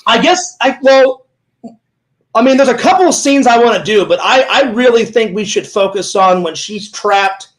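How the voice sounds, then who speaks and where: A man hosting a casual chat, an excitable, rambling storyteller who keeps retelling what he said. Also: extremely high pitch, moderate pace, low-quality recording. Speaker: host.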